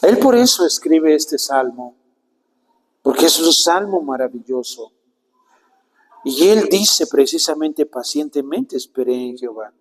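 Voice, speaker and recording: A man preaching a sermon, earnest and slow, often turning to the listener with direct questions. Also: a little high, in a large hall, poor audio.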